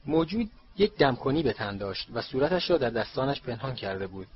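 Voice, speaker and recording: A man narrates a storybook in a steady, measured reading voice at a middle pitch. The recording sounds dull and lo-fi. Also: breathy edge. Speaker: audiobook narrator.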